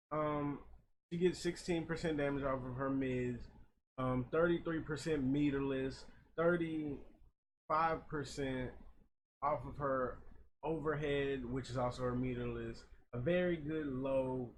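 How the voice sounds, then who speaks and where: A man giving informal, opinionated gaming commentary, recorded a little far from a makeshift old mic. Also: medium pitch. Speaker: gaming video host. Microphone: makeshift old mic, not close. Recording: far from the mic, background noise.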